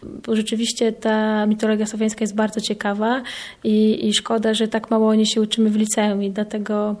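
A woman's voice: medium pitch, completely flat delivery, a little fast, a little mellow. A young woman in her twenties answering interview questions as a conference organizer, hesitant and full of filler sounds.

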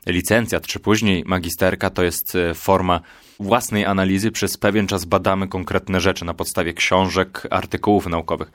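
A man in a casual discussion who poses questions and argues in a calm, reasoned way. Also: low-pitched, normal speed, no room sound, clean studio sound.

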